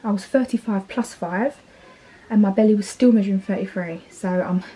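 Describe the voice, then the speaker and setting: A woman's voice: mid-range voice, moderate pace, dark tone, slightly rough, low-quality recording. A heavily pregnant woman in her thirties with an Essex accent, chatting casually in a vlog, rambling with fillers and restarts and sounding tired. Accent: Essex English. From England. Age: 30s. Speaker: vlogger.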